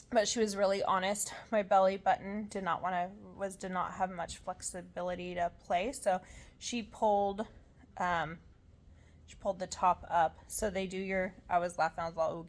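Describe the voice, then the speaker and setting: A tired woman recovering from surgery, talking in a casual, halting, rambling way as she shares an update. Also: mid-range voice. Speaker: vlogger sharing surgery recovery. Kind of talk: casual chat.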